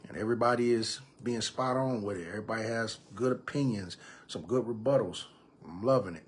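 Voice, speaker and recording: Casual male live-stream host, thirties, lowish voice, faint hiss behind. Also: brisk. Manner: casual, drawling, reads comments aloud to viewers. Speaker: podcast host. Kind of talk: live-stream chat reading comments. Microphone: computer or phone mic on a live stream.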